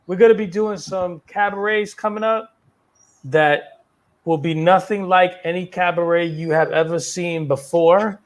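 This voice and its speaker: A man who is a guest on a talk show, speaking in an earnest, rousing way. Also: high voice. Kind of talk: casual chat.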